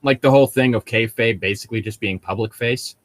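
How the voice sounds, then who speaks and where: Quick-paced and mid-range, a man's voice comes through without echo. He co-hosts a book read-aloud with friends, a casual group chat full of jokes and bursts of laughter.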